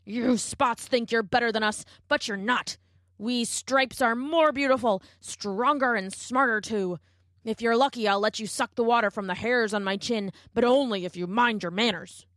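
A gruff wildebeest grunts and boasts, taunting rivals. A woman plays it in a dry, close storybook reading. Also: on the high side, moderate pace, a bit bright, no room sound, lightly acted. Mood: boastful.

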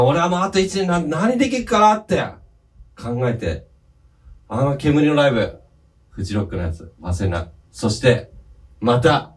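A man with a Fukushima accent chatting on a comedic talk show, rough and teasing, calling people "omae" constantly. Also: a little high, far from the mic. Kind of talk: casual comedic chat.

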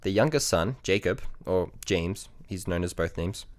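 A man with a very low voice narrates history for a podcast in a relaxed chat. He pauses often, fills gaps with ums and corrects himself as he goes. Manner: relaxed, hesitant, many ums and restarts. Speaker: podcast co-host telling a history story. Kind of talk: casual storytelling chat.

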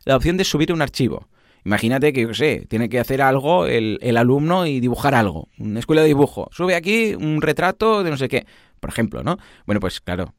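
A man in his thirties, explaining software in a casual, animated way full of tag questions and examples. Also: mid-range voice, no room sound, studio quality. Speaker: podcast host explaining software.

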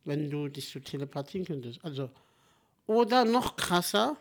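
Young guy on a podcast, kinda high voice, rambles and jokes around. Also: moderate pace. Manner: animated, jokey, rambling. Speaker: podcast co-host. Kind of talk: casual chat.

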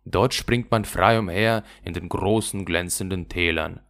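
A man's voice: sits low, unhurried, creaky, a bit bright, full character voice. A man voicing a proud, homesick reindeer in a fairy tale, with a wistful manner.

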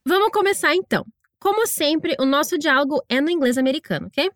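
A woman with a high, bright-pitched voice runs a scripted English lesson. She is encouraging and stretches words out slowly for pronunciation drills. Close, dry studio sound. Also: lively intonation, no echo. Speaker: English teacher and podcast host. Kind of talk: scripted language lesson narration.

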